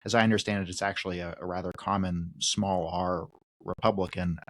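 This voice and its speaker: Low-voiced host asking a measured question. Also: male voice, fairly even intonation, fairly bright tone, no echo, rough recording. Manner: measured, builds long questions with lists. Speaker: podcast host. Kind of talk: interview question.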